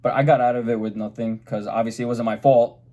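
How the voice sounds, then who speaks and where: A young man vlogging a casual storytime about his car, animated, swearing freely and acting out the people in his quotes. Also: medium pitch, fast talker.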